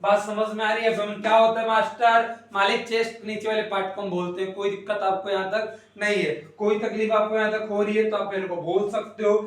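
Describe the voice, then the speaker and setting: A man teaching an online class, playful and rapid, repeating questions and teasing his students. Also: high voice, little pitch movement. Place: classroom with whiteboard. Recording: loud echo, voice from a distance.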